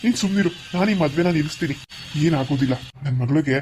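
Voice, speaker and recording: A woman's voice: deep voice, fast, darkish tone, slight background noise, close to an everyday voice. Woman voicing a stern firm father. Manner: firm, commanding. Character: stern decisive father of the bride. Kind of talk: cartoon voice acting.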